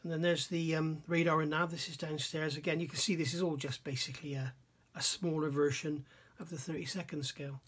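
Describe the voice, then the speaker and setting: A man's voice: a little high, level tone, brisk, hardly any pauses, fairly bright tone, husky. A middle-aged man reviewing a scale model kit at his workbench, thinking aloud and often questioning himself. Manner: musing, self-questioning, admiring. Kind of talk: casual hands-on kit review. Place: workbench indoors.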